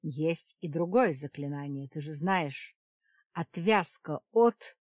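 A woman voicing a cautious male werewolf, the hero's brother, in an audiobook reading, speaking firm and measured. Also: deep voice, animated, darkish tone, dry recording, clean studio sound, heavily acted.

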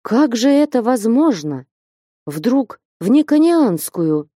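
Woman narrator voicing a fearful, plaintive man begging for mercy; warm tone, dry close mic. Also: lowish voice, lively intonation, measured pace, dry recording. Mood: pleading. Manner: pleading, plaintive. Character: timid pleading man, nervous and fearful. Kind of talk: audiobook character reading.

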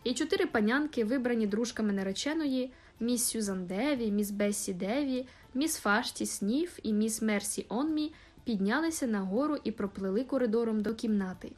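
A woman narrating a classic novel as an audiobook with measured, expressive storytelling. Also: on the high side, faint music behind. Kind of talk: scripted narration.

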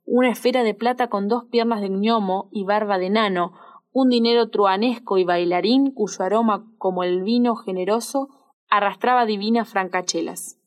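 Female audiobook narrator, Rioplatense, measured and expressive. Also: medium pitch. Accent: Rioplatense Spanish. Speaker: audiobook reader.

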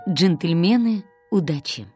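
A woman narrating an audiobook with lively, wry storytelling, recorded close and dry. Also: on the low side, slow pace, soft background music. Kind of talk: scripted narration.

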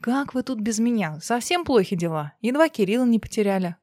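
Woman reading a gentle, reassuring young woman. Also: a little high, animated, a little fast, no room sound, studio quality, natural voice. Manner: gentle, soft.

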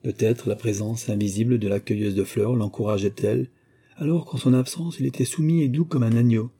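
Dark, husky male audiobook narrator. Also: mid-range voice, a little fast. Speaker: audiobook reader. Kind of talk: scripted narration of a novel.

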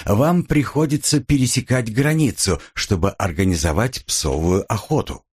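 A man voicing a sharp young woman police lieutenant asking pointed questions. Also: on the low side, moderate pace, slightly rough, pitched above the performer's own voice. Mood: probing. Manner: inquisitive, cool.

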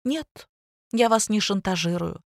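A woman reading an audiobook voices a timid middle-aged mother who speaks softly, calm and restrained. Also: medium pitch, a little slow, vocal fry, no room sound, clean studio sound. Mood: calm firm.

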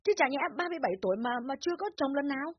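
Brief: woman as a tactful young daughter, quick, high, lively voice, dull lo-fi audiobook sound. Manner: polite, hesitant questioning. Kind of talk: dramatized audiobook reading. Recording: dull lo-fi with faint music.

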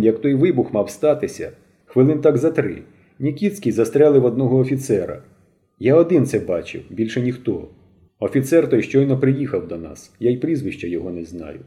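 A man's voice: mid-range voice, warm tone. A man reading a jovial, teasing, plain-spoken seasoned soldier in an audiobook. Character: cheerful seasoned soldier, grown man, easygoing. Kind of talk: audiobook character voice.

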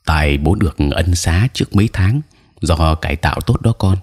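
A man voicing a stern, gruff middle-aged father in an audio story. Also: sits low, lively intonation, normal speed, a little mellow. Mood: calm.

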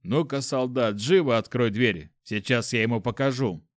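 A man voicing a brutish, hot-tempered male prison guard who snarls and shouts. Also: medium pitch, normal speed, dry recording, clean studio sound, lightly acted. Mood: angry bellowing.

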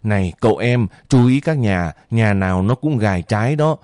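A man voicing a sharp-tongued young village woman who scolds quickly and insistently. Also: fairly low pitch, expressive, no echo, studio quality, close to an everyday voice. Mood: urgent.

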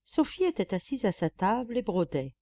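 Storybook lapdog voiced by a female reader: gossipy, pampered, confiding; mellow tone, close dry mic. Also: mid-range voice, sing-song, moderate pace, no echo. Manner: chatty, confiding, mocking. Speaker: audiobook reader. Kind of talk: audiobook narration.

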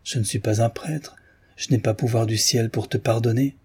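A man reading the lines of a horrified young noblewoman in an audiobook, hushed and appalled. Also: mid-range voice, steady tone, normal speed, husky.

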